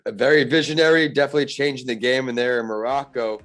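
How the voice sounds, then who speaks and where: A man hosting a business interview show, reading a scripted introduction in a measured, announcer-like way, then asking questions. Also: medium pitch, steady tone, fairly bright tone, soft background music. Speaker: podcast host.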